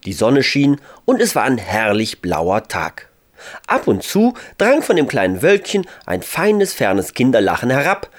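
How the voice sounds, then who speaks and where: A man narrating a children's story in a gentle, expressive reading. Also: medium pitch.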